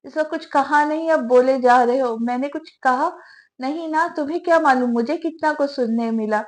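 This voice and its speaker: A scheming young wife from a romance novel audiobook, as a woman reads her, spiteful and full of self-pity. She whines plaintively in a high voice. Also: natural voice. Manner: whining, plaintive.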